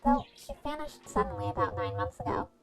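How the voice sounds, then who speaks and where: In a high, creaky voice and at a brisk clip, a woman reads an amateur fan fiction story, acting out the messages with animation. Music plays behind her.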